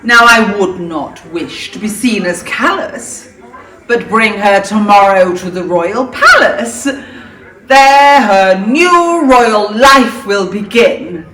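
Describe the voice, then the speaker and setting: A woman's voice: medium pitch, expressive, slow pace, fairly bright tone. A woman playing a pompous, imperious pantomime king, speaking rhyming lines with theatrical menace. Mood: gleeful menace. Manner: theatrical, pompous, swooping delivery. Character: boastful, imperious king, gleefully threatening, in a pantomime. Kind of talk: rhyming amateur pantomime acting. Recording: echoey room, distant microphone.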